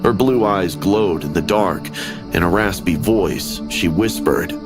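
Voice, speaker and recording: A man giving steady, ominous scripted narration of a horror story, with music behind. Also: deep voice, measured pace. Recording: animation audio with background music.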